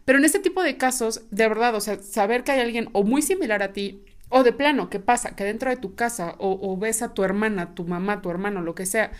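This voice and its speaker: A woman with a Mexican Spanish accent talks through an idea in a casual chat, full of fillers and restarts. Her voice sits at a middle pitch and lifts on the words she wants to stress. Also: brisk. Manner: rambling, many fillers, rising emphasis.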